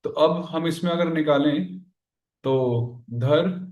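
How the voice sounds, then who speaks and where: A man teaching a Sanskrit grammar class, explaining slowly and counting syllables aloud, switching between Hindi and English terms. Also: on the high side, a little mellow, roomy sound, dull audio. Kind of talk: online class lecture.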